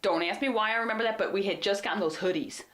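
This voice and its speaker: A woman co-hosting a podcast, telling hunting stories in an animated, rambling way. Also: mid-range voice, very fast. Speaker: podcast co-host. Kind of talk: casual storytelling chat. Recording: roomy echo.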